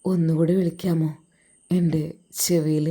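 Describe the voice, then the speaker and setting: Brief: woman playing a hoarse, tender religious-teacher husband in a story reading, dropped lower, soft and mellow. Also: little pitch movement, measured pace. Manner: coaxing, affectionate, murmuring.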